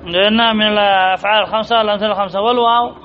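This is a dull, lo-fi classroom recording of a man giving an Arabic grammar lesson in a high voice with fairly even intonation. His delivery is rapid-fire as he reads from a text, repeats key terms, and names students to answer.

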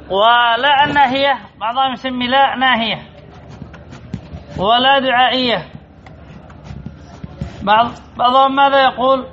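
A man's voice: extremely high pitch, a little hiss or hum. A man teaching an Arabic grammar lesson to a class, reading from a text, repeating key terms and calling on students by name to answer. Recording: dull lo-fi classroom recording.

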